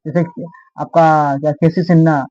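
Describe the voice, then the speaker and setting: A man's voice: on the high side, level tone, moderate pace, warm tone, no echo. A man giving casual political commentary, rambling and constantly asking his listeners "right?". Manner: rambling, keeps asking "ठीक है ना?". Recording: dull, lo-fi dry recording.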